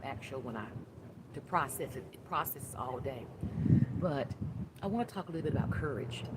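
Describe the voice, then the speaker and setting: A woman in her fifties gives a casual, rambling inspirational talk as a life coach, with asides and restarts, speaking outdoors in the wind. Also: a bass voice. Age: 50s. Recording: noisy outdoor recording with wind.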